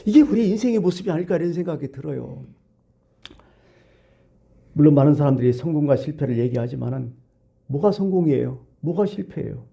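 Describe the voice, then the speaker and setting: A man's voice: a little high, expressive, brisk, gravelly, long pauses, warm tone, muffled recording. A male pastor preaching a sermon, telling a parable and asking rhetorical questions.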